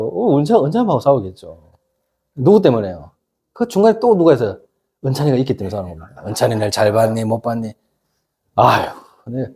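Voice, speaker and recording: A middle-aged pastor preaching a casual youth sermon, constantly asking the congregation whether they agree. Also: male voice, mid-range voice, warm tone, breathy edge. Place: church youth service.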